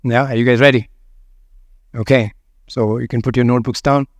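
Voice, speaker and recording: Man gently teaching meditation, close dry sound. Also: mid-range voice, steady tone, normal speed, no echo. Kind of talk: guided meditation and talk on loving kindness.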